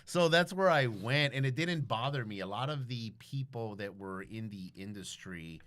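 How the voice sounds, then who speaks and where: Speaking at a normal speed in an animated, mid-range voice that is a bit bright, a man guests on a podcast in a relaxed storytelling interview. He grew up with Guatemalan roots and speaks both English and Spanish as first languages. His tales come out blunt and full of swearing, and he performs the dialogue he quotes.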